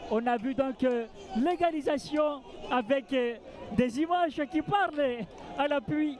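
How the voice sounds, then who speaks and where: A man giving excited live football commentary as lead commentator, exclaiming and repeating phrases, outdoors at a stadium. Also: very high voice, unhurried. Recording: crowd noise, outdoor stadium.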